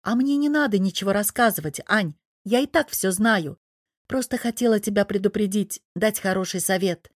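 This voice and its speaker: A woman's voice: medium pitch, normal speed, no room sound. Middle-aged woman reading an audiobook, dry sarcastic delivery, very dry close mic. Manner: dry, sardonic, blunt. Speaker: audiobook narrator. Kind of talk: first-person audiobook narration. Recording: dry close studio sound.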